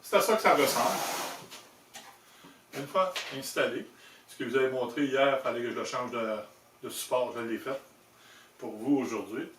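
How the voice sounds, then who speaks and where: A man with a Québécois French accent giving an informal hands-on product demonstration, explaining in a halting way with self-corrections. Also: medium pitch. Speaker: presenter demonstrating motorcycle gear he designed. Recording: echoey room, distant mic, handling noise.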